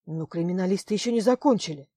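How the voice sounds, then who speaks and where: An explosive, hot-tempered man who barks his lines, pitched up and loud in bursts, as a woman reads him. The narration around him is close and dry, like a spoken audiobook. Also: lively intonation, quick pace, no echo. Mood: gruff. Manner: barking, shouting.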